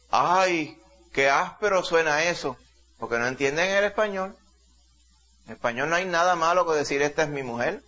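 A Latin American man preaches a sermon in a conversational teaching style, full of rhetorical questions and "ok?" check-ins. His mid-range voice has a fairly bright tone, and the recording has its highs cut off.

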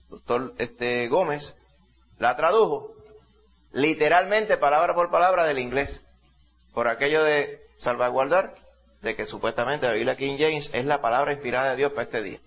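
A man's voice: mid-range voice, a bit bright, muffled recording. A man from Latin America preaching a sermon in a conversational teaching style, full of rhetorical questions and "ok?" check-ins.

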